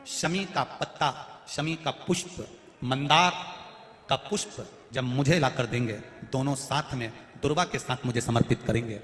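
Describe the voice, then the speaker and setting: A man's voice: medium pitch, unhurried, fairly bright tone, close to an everyday voice. A man voicing a gracious god giving boons, with a hall echo. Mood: solemn. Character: solemn, gracious male elephant-headed deity granting boons. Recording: long hall reverb.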